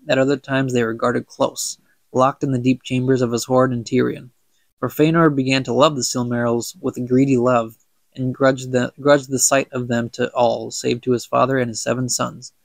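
Gravelly and medium-pitched with no echo, this young man's voice is congested as he reads a book for a podcast and adds casual commentary. He trips over words now and then and laughs at the mistakes.

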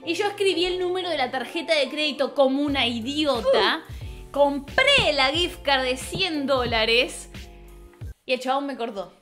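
A young woman with a Rioplatense accent, high-pitched and bright, telling an embarrassing story in a casual vlog. She talks in an animated, slangy, self-mocking way. Faint music sits under her voice. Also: unhurried. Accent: Rioplatense Spanish. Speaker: vlogger.

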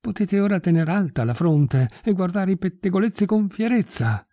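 A man's voice: medium pitch, wildly swooping pitch, measured pace, mellow, husky, dry recording, studio quality, full character voice. A man voicing a gushing pious society lady. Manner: effusive and fussy, turning cold and solemn.

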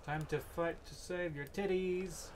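Slow-talking, sweary male game streamer. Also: fairly high pitch, fairly even intonation. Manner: joking, crude, sweary. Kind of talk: casual gameplay chat. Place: indoor room, game sound behind. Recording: faint background game noise.

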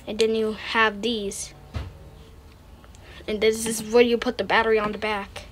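This unboxing host speaks in a fairly high, flat, unhurried voice, dropping brief, repetitive comments as she works through the items. The setting is an indoor room with a wooden floor, and clicks and handling noises come through.

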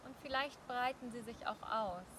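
A middle-aged woman leading a guided meditation like a dream guide, speaking gently and soothingly with long pauses. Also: a little high. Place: outdoors in a forest. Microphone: small clip-on mic at the collar. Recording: clear outdoor ambient noise.

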